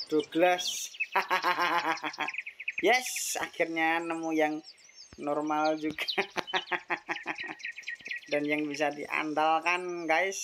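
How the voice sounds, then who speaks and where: A gaming channel host giving casual, excitable commentary while playing, with frequent exclamations and laughs. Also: medium pitch. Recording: loud background noise with birdsong.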